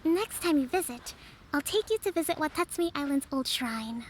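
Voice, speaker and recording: A calm, measured young priestess who rules an island speaks at normal speed in a high female voice. Her manner is composed, formal and quietly authoritative. The game audio carries soft background music and a little noise.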